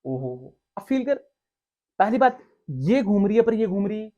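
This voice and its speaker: A man tutoring physics at a board, coaxing and teasing his student and checking again and again that it is clear. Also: high voice, sing-song, unhurried, warm tone. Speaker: physics teacher. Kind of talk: blackboard tutoring session. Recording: dull lo-fi recording.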